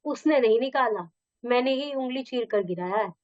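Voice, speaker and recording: A woman's voice: on the high side, lively intonation, normal speed, a little mellow, dry recording, natural voice. A woman reading the lines of a bold young village boy from a textbook story, in a dull, dry recording. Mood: earnest. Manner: reading dialogue aloud from a textbook.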